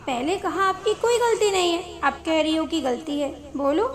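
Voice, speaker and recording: Woman playing a young male lover, teasing, boyish, very high voice, storybook reading. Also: expressive, normal speed. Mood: complaining. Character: young man, lover, playful and sulky. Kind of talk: storybook narration.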